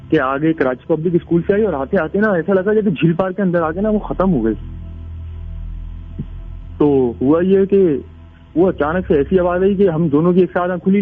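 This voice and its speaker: A man calling in to tell a ghost story in a rambling, casual way, with many restarts. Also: sits high. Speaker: caller. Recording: tinny phone line.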